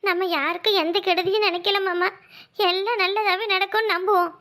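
A woman's voice: extremely high pitch, fairly even intonation, brisk, sharp tone. A woman voicing a caring, motherly village housewife in a cartoon, speaking in a soothing, pleading way. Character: kind caring village housewife, middle-aged. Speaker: cartoon voice actor. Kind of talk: cartoon voice acting.

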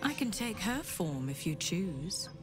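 An actress playing a seductive shapeshifting demon in a video game, measured, sultry and deliberate. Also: female voice, fairly low pitch, sing-song. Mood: sultry, offering. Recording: distant voice under music. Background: game music.

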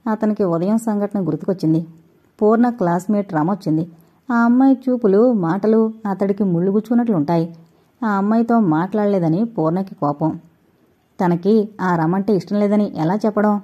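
A woman narrating an audio novel in a steady, expressive reading style, on a dull lo-fi recording. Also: mid-range voice, fairly quick, husky. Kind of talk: scripted story narration.

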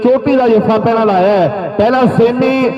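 A man's voice: very high voice, normal speed. A man with an Indian Punjabi accent giving rousing, repetitive live commentary as a kabaddi announcer. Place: outdoor village sports ground. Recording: echoey dull PA, crowd noise. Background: crowd.

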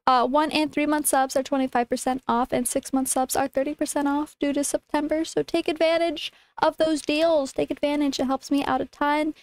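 A woman's voice: high voice, little pitch movement, normal speed, few pauses, no echo. A young woman livestreamer chatting casually to her viewers in a cutesy, informal, affectionate way. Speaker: livestreamer, VTuber.

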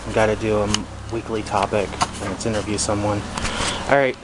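A man's voice: fairly low pitch, level tone, fairly quick. Cheeky young man interviewing outdoors. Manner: joking, cheeky, laughs often. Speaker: interviewer, YouTuber. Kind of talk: casual chat. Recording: noisy outdoor recording.

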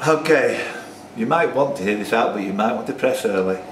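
An animated older man around his 60s reads pub quiz questions fairly quickly in a mid-range voice, joking with players as quizmaster. It's recorded indoors in an echoey pub via a distant mic, with music and background noise behind him.

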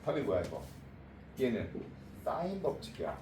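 A man's voice: medium pitch, very animated, moderate pace, dark tone. A male math teacher lecturing a class in a blunt, informal way, checking again and again that the students got it. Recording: echoey room, voice from a distance, faint noise.

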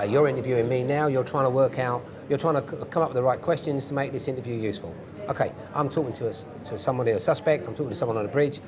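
A British man in his fifties speaks quickly as an interview guest, explaining in an instructive way. His pitch is ordinary for a man and he stresses points by repeating them. A clear murmur of a crowd sits behind him. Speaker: interview guest, former police hostage negotiator. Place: indoor event interview stage.

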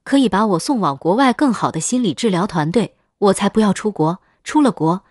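A woman tells a first-person story in a subdued, even voice. Her pitch sits in the middle range. The recording is dry and close to the mic, with no room sound. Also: brisk, dry recording.

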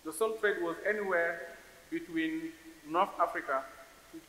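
Slightly high and steady, his voice comes out a little slow, pushed and bright; he's a Senegalese investor in his forties on a conference panel. Thoughtful, he repeats words as he gropes for the next phrase. Captured on a stand mic on a large hall stage, with roomy reverb and faint hiss.

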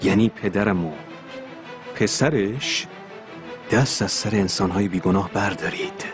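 A man's voice: on the low side, over music, natural voice. An actor dubbing a bitter son reflecting on his father's betrayal. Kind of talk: dubbed TV drama dialogue.

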